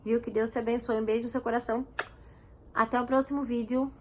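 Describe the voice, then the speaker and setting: A woman's voice: fairly high pitch, level tone, quick pace, a little mellow. Chatty Brazilian woman vlogging. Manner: chatty, repeats words for emphasis, acts out quotes. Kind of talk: casual chat to camera.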